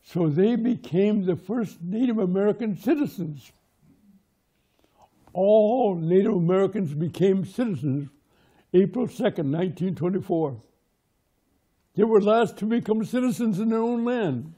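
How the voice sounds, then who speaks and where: A local historian from Pine Ridge, South Dakota, whose first language is Lakota, shares oral history in an interview using short, plain sentences. His voice is high for a man yet very dark and mellow, slightly rough and animated. He speaks slowly, without any hurry.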